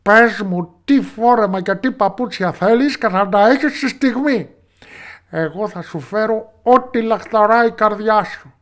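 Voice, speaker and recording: A man voicing a boastful, ragged goblin father in a storybook tale, calling out loudly and coaxingly. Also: high-pitched, pitched above the performer's own voice. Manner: loud coaxing calls.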